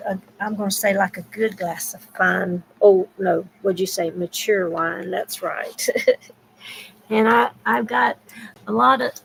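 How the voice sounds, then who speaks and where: Gravelly Southern woman chatting on a live stream. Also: mid-range voice, a bit bright, a little hiss or hum, poor audio. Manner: chatty, rambling, answers viewers by name. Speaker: YouTube creator. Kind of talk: casual live-stream chat.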